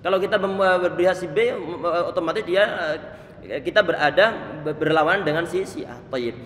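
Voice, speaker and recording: A man's voice: a little high, brisk, fairly bright tone, a little hiss or hum. A middle-aged man teaching Quran recitation, modelling letter sounds and stopping often to check that his student follows. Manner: frequent restarts on words. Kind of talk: tajwid lesson explaining letter sounds. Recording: echoey room with long reverb.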